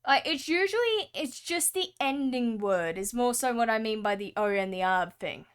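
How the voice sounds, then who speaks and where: A young woman with an Australian accent chats casually and rambles with plenty of fillers while drawing on stream. Her voice is fairly high and clean, with lively intonation and a moderate pace.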